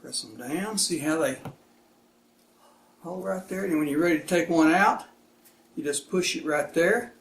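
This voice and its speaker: A product reviewer and video host hosts a casual unboxing demonstration, speaking in short, plain, folksy phrases. His voice is on the high side, a little slow, with frequent pauses. He's indoors in an echoey room, and background noise is clearly audible.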